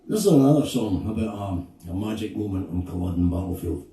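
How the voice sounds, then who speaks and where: A Scottish man, a singer-songwriter, telling a story between songs at a live gig in a slow, halting, reflective way. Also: low voice, lively intonation, mellow. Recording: echoey room, distant mic, guitar behind.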